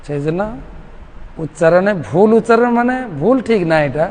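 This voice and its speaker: A man's voice: high-pitched, expressive, normal speed, a little mellow, big-room sound. A man, a monk, giving a devotional scripture class, explaining plainly and imitating how others chant.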